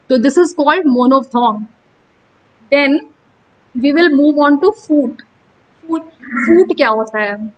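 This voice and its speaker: A woman teacher giving a lesson on English pronunciation, slowly spelling out syllables and stressing words. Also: high-pitched, rough recording.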